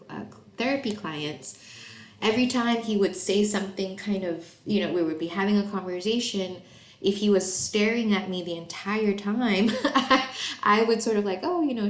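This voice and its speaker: A woman from Malaysia, a therapist presenting an online training course in a casual, chatty way, with many fillers and frequent laughs. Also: on the low side. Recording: roomy echo, faint noise.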